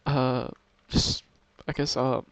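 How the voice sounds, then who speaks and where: A young man in an emotional confessional vlog, talking to his subscribers in a halting way with many pauses and restarts, upset, sighing and close to tears. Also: mid-range voice, little pitch movement, vocal fry, dry recording. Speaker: video creator talking to subscribers.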